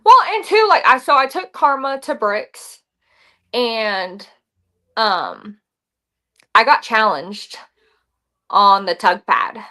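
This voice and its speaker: Young woman telling a story all animated, kinda high voice, says like a lot. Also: takes it slowly, long pauses. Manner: animated, says "like" often, acts out quotes. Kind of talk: casual storytelling.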